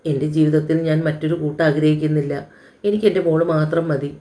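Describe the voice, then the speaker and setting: A woman voicing a gentle young widowed father who answers his mother in a patient, quietly firm way, in an audio storybook. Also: on the high side, flat delivery, fast talker, natural voice. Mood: earnest.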